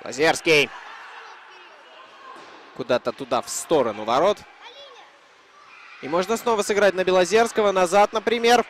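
A man's voice: high-pitched, moderate pace, pauses often, slight background noise. A man giving live commentary on an ice hockey match as it unfolds.

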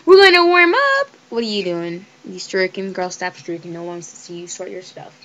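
A young woman giving chatty, excitable commentary over a life-sim game she is playing. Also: fairly low pitch, a little fast, highs cut off. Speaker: let's play gamer.

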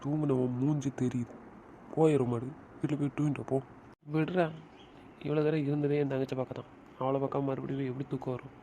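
Gravelly-voiced man in an emotional audio drama. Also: medium pitch, little pitch movement, brisk, pauses often, mellow, slight background noise. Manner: plays both friends in a hospital scene, comforting and pleading.

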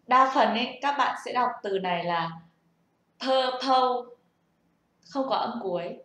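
A woman's voice: medium pitch, normal speed, sharp tone. Young woman explaining, echoey. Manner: patient, explanatory, asks the listener rhetorical questions. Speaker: self-taught English learner sharing tips. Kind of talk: casual spoken lesson. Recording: echoey room.

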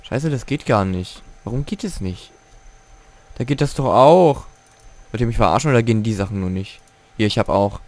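A man giving casual gameplay commentary at home, excitable, swearing and grumbling at the game as he plays. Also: lowish voice, moderate pace. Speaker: let's play gamer.

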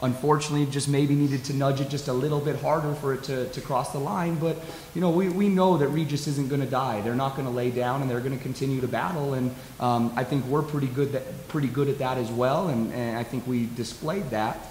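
Echoey American coach in a post-game interview. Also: male voice, mid-range voice, fairly even intonation, fairly quick, darkish tone. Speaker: college soccer head coach. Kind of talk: post-game interview answers at a press table. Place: press conference table with backdrop. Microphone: table stand microphone. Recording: echoey hall, audible hiss.

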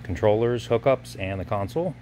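A man's voice: on the low side, animated, dark tone, a little hiss or hum. A man previewing auction lots in a gallery warehouse, listing items one by one in short bursts while filming on a phone. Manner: brisk item-by-item listing. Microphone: handheld phone camera.

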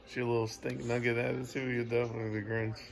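Man for a casual chat vlog, tired, gravelly, mumbling and laid-back. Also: mid-range voice, level tone, fast talker, slight background noise. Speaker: vlogger's partner.

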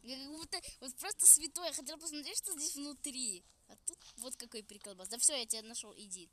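A woman's voice: high voice, fast. A woman playing a game with a friend, chatty and playfully complaining. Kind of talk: casual gaming chat. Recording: loud background noise with clicks.

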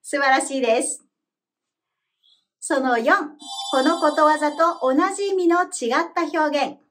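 A woman narrating a scripted language lesson, explaining clearly and measuredly, then modeling phrases slowly for learners to repeat. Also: sits high. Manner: slow, careful model pronunciation for repeating. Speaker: Spanish language teacher.

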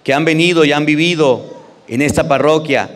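A man's voice: a little high, moderate pace, fairly bright tone. A man preaching and leading prayers at Mass, with emphatic, repetitive phrasing. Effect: long church reverb. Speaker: priest. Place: large church. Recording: echoey church hall.

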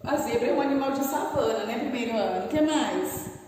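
A woman teaching first graders in a slow, patient way, spelling words out letter by letter, with a Brazilian Portuguese accent and a strong rolled R. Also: a little high, lively intonation, warm tone, slight background noise. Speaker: primary school teacher. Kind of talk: remote class for first graders. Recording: echoey room, voice from far off.

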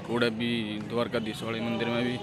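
A young travel vlogger films himself on a phone held at arm's length while strolling through temple grounds and stairwells, both indoors and out. He chats casually, narrating as he goes and calling viewers "brother." His mid-range voice is completely flat and a little fast, with loud music and a noisy crowd behind it.

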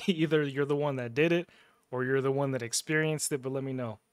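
A man's voice: medium pitch, fairly even intonation, moderate pace, smooth, no echo, clean studio sound. A man telling a loose, profane story on a casual gaming livestream, chuckling and sipping a drink as he goes. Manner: sips a drink between lines. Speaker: gaming streamer.

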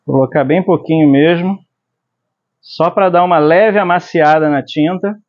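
Through a lapel mic with slightly dull lo-fi sound, a man in his forties from Brazil teaches screen printing in his workshop at an unhurried pace, his voice fairly high. He mixes inks while explaining each step, checking in with the viewer using tags like "tá?".

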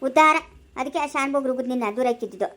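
A woman playing a quarrelsome older village woman who shouts sharp, rapid accusations in a homemade family drama. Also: high voice, lightly acted. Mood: angry scolding.

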